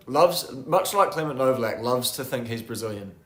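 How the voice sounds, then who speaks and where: A man calls a race in a casual, bantering way, dropping dry one-liners between grid updates. His voice has a middle pitch, and the sound carries a noticeable room echo. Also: expressive, normal speed, fairly bright tone. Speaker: race co-commentator.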